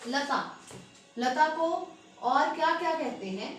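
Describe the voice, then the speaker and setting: A woman teacher with a high voice takes her class through word lists at an unhurried pace. She stresses each word and its spelling with care. Her voice rings in an echoey room. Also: animated. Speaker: school Hindi teacher. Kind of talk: online class lesson.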